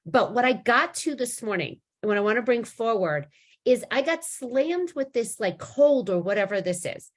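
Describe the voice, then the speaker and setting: In a relaxed talk on spiritual awakening, a woman with a hoarse voice teaches at a fairly high pitch and with plenty of expression. She rambles and keeps restarting, slowing down to lean on key words.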